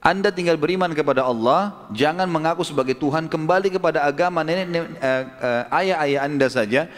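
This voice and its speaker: Animated male preacher in a reverberant hall. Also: a little high, a little fast. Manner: animated storyteller, acts out quoted speech. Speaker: Islamic preacher. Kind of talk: storytelling sermon.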